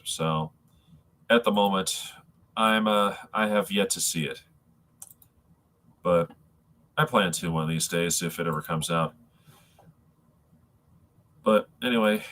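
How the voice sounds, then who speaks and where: Guy livestreaming with a blocked up packed nose, lowish but bright punchy voice, rambles and stumbles along casually. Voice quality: stuffy, congested nasal sound from a packed nose. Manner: halting, rambling, addressing viewers as folks. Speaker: live streamer. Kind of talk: casual live-stream tribute talk.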